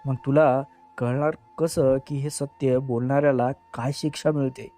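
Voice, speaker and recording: A cold, cruel abductor speaks with quiet menace in an audio storybook, as the male narrator puts him on. His tone is dark and mellow, never raised. Faint music sits behind him. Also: medium pitch, steady tone, a little slow, lightly acted. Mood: cold menacing.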